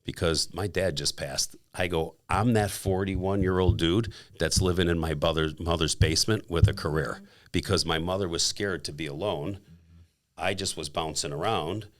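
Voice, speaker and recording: A man in his fifties, a podcast guest, telling a story in a casual, animated way and acting out the quotes. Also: deep voice, normal speed. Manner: animated, acts out quotes with laughs.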